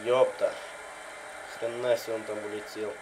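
Excitable amateur wrestling commentator, noisy recording. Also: male voice, on the low side, moderate pace. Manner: excitable wrestling commentator, repeats exclamations and move names; swears casually. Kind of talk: wrestling commentary over video game play.

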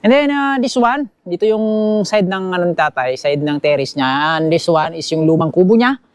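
A man with a Filipino accent and a high, lively voice gives a chatty, moderately paced tour of a small outdoor bamboo house, filming with a handheld action camera. He keeps saying "guys" to his viewers and points things out; the recording is dry.

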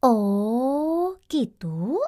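A gentle, high voice with a lot of rise and fall, from a young woman with a Sundanese accent. She is a kind older-sister type of shopkeeper. She gives advice slowly and patiently in a children's TV drama. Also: sing-song, exaggerated voice. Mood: calming. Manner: gentle, slow, advising delivery.

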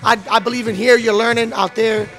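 A man in his twenties, a professional boxer, answering interview questions in a relaxed, slangy way with a handheld mic in a boxing gym. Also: very high voice, fairly quick, music in the background. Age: 20s. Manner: relaxed, street slang, many "bro" and "um". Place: boxing gym beside a ring, indoors.

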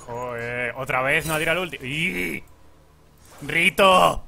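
His mid-range voice is gravelly, bright, and forceful, moving at a moderate pace as this young Spanish gaming YouTuber chats over his play. He laughs, swears at the lag, and mock-pleads in a Spanish accent. Faint music and slight hiss or hum come through.

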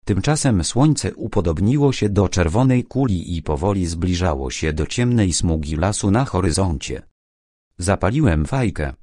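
A man narrating a first-person audiobook in a calm, measured way. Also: deep voice, dry recording, studio quality.

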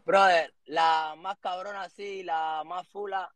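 Animated Cuban man telling street stories. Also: high-pitched, slow pace. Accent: Cuban Spanish. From Cuba. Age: 30s. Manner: animated street slang, acts out quotes. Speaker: guest. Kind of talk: casual storytelling interview.

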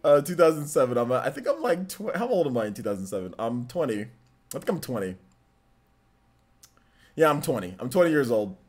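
Chatting with viewers from his home gaming room, this streamer in his thirties fields their questions in a relaxed live-stream. His mid-pitched, slightly dark voice has a sing-song, brisk quality with frequent pauses, and he often laughs and says things twice.

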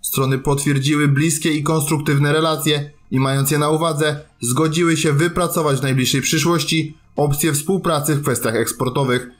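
A man's voice: fairly high pitch, steady tone, normal speed, few pauses. A man reading scripted news narration as a voice-over, reporting in a formal written style. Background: background music.

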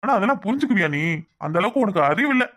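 A man's voice: high voice, animated, rapid-fire, fairly bright tone. A man playing a sneering young rival. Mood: mocking. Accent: Kanyakumari Tamil. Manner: taunting, sneering. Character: smug fair-skinned young man, a mocking rival. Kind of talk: cartoon voice acting.

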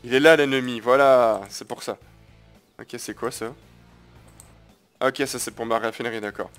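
A man's voice: mid-range voice, fairly even intonation, normal speed, a bit bright, clean tone, faint music behind. A man hosting his gaming video, talking viewers through a strategy match in a casual, crude, chatty way. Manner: chatty, crude slang, keeps addressing viewers as guys. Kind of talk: casual live gameplay commentary.

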